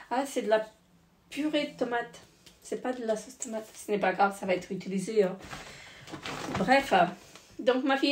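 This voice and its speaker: A hoarse woman in her forties casually showing her grocery haul, rambling with lots of fillers and self-corrections. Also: a little high, reverberant.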